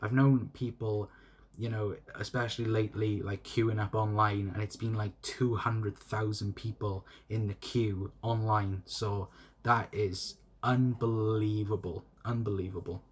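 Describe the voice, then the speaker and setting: With a little hiss or hum behind him, a young fan channel host from South Wales works through livestream chat comments at a measured pace. His lowish voice is flat, and he rambles and repeats himself, warm toward chatters, in a South Welsh accent.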